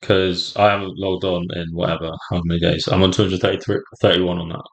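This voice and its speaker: A man with an English accent co-hosting a football podcast, talking in quick, offhand casual chat. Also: low-pitched, flat delivery, low-quality recording. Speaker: podcast co-host.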